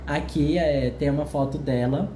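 A man with a Brazilian Portuguese accent, excitedly unboxing a book on a casual vlog, gushing and jittery with nerves. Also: fairly high pitch, normal speed, reverberant, a little hiss or hum. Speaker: vlogger. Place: hotel room.

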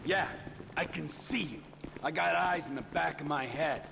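A man's voice: a little high, moderate pace, vocal fry, long reverb tail, background noise. An actor playing a nervous young male accomplice in a video game bank heist, cursing and straining to act cool. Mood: forced calm.

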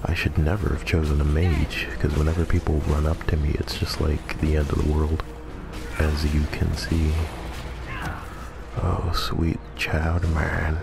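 A man commentating on a video game in a hushed golf-commentator style, deadpan, joking and profane, with a gravelly voice. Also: moderate pace. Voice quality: very deep, gravelly. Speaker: gamer commentating over play. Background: game music.

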